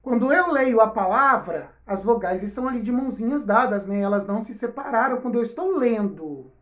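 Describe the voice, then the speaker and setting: A woman's voice: a little high, animated, a bit bright. Patient woman teaching a video lesson. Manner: slow, drawn-out spelling of example words; patient, checks in often with "tá?" and "né?". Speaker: schoolteacher. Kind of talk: recorded video lesson for young pupils. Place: home or classroom, projecting slides on a wall.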